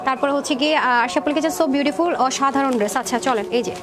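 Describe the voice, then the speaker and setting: A woman presenting dresses in a live sales stream, chatty and rapid, calling viewers sister. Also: sits high. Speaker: online clothing seller.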